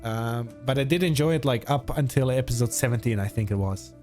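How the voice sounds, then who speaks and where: A man in his twenties speaks with a Croatian accent at an ordinary male pitch. He chats informally like a livestreamer answering questions, opinionated and animated in his wording, with music playing behind him. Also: a little fast. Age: 20s. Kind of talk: casual livestream chat answering viewer questions.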